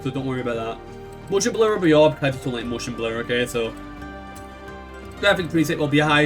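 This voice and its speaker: A man with a thick Scottish accent, chatting casually through a game he plays, rambling with lots of fillers. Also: a little high. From Scotland. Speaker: gaming YouTuber. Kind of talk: casual let's play commentary. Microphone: echoey home mic. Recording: slightly echoey mic, faint game music.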